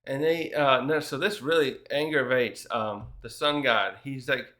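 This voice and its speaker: A man's voice: medium pitch, a little slow, sharp tone. A man casually recapping a manga chapter, rambling with restarts and fillers as he reads out what the characters say. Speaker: manga reviewer.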